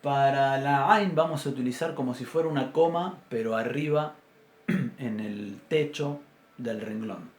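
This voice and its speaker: In a university lecture held in a classroom with a blackboard, a man with an Argentine Spanish accent teaches Biblical Hebrew. His mid-range voice is a little slow, and he explains patiently, sounds out letters aloud, and often clears his throat in the echoey room.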